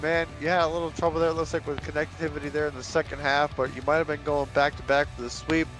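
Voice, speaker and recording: A man commentating a sim racing broadcast in a relaxed, folksy way and interviewing drivers. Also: a little high, fast talker, faint music behind. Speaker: race commentator.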